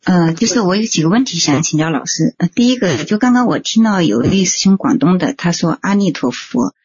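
A woman's voice: lowish voice, expressive, quick pace, darkish tone, slightly rough. A woman student politely asking her teacher questions on an online call, hesitant with many fillers. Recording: dull lo-fi call audio.

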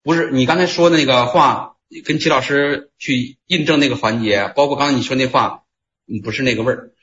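A man's voice: mid-range voice, fairly quick, fairly bright tone, a little hiss or hum. A man leading a Buddhist discussion, retelling a Zen story in a casual way and often restarting phrases. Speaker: Buddhist study group leader. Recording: roomy lo-fi room recording.

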